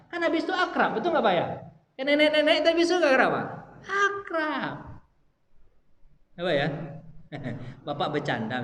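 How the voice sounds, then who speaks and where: A man preaching at a mosque study session, lively and keeps addressing his listeners directly. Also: on the high side, slight background noise. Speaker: Islamic preacher. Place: mosque hall. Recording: echoey hall, faint ambience.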